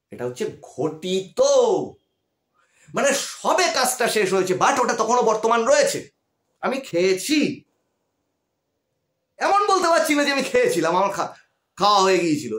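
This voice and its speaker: Male tutor with a West Bengal Bengali accent, high animated delivery, patient and repetitive, roomy echo. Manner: patient, repeats key words, frequent check-in questions. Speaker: English grammar teacher. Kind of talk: classroom-style grammar lesson. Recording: echoey room.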